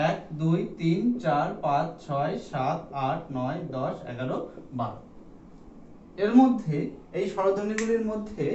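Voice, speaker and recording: A man's voice: a little high, a little mellow, slight background noise. A male teacher giving a classroom lecture, counting items aloud and asking the class questions. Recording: echoey room, distant mic, dull sound.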